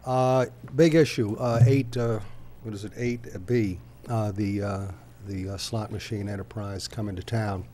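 An older man giving public comment at a city council podium microphone, talking conversationally with many halting pauses. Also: lowish voice, fairly even intonation, mellow, a little hiss or hum.

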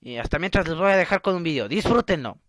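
Brief: young male gamer, high and bouncy voice, goofy comedic narration. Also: lively intonation, fast talker, fairly bright tone, no echo, clean studio sound. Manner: goofy, swears and yelps for laughs. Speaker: gaming video creator. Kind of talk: comedic game-play narration.

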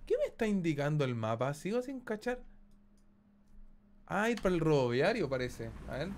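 A man with a Chilean accent giving live gameplay commentary as a streamer, excitable, exclaiming and swearing casually. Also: a little high, normal speed, slight background noise.

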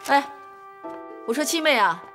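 Casting: a chatty, fussing older mother, fairly high voice, lively, drama. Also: unhurried, music in the background.

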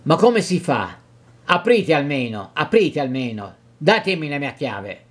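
A fearful old village priest, as a male reader puts him on, fretting and stammering as he pleads and scolds in a dramatic novel reading. The voice sits somewhat high for a man. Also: sing-song, measured pace. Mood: peevish scolding.

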